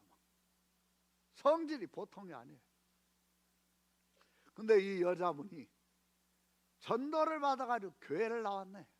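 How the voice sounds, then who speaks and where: A male pastor telling a story from the pulpit, with a high-pitched, bright, ringing voice. His pitch rises and falls widely as he moves from hushed asides to loud calls to the congregation. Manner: storytelling with animated swings from hushed to shouted; call-and-response with the congregation. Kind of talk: sermon. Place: church sanctuary.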